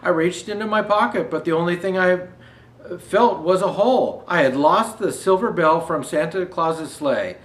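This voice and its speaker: A high-pitched man reads aloud a children's Christmas story at normal speed, storyteller-style, dropping in relaxed asides. He gets louder for quoted speech, and the recording carries room echo plus faint background noise.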